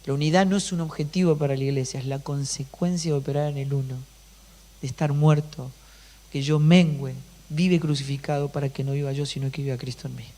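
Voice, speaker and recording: A pastor delivering an emphatic sermon, often putting rhetorical questions to the congregation. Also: male voice, on the high side, steady tone, brisk, mellow.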